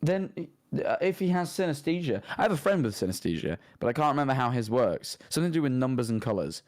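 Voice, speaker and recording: A man's voice: medium pitch, very animated, quick pace, darkish tone. A man in casual comedic chat as a co-host, with dry, self-deprecating humour. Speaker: co-host reading listener confessions.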